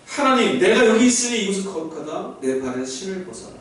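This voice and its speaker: High-voiced pastor preaching in an echoey hall. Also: male voice, fast. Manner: animated preaching, acts out God's voice and asks the crowd questions. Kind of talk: sermon. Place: large echoey church hall. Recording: echoey hall from far off, faint noise.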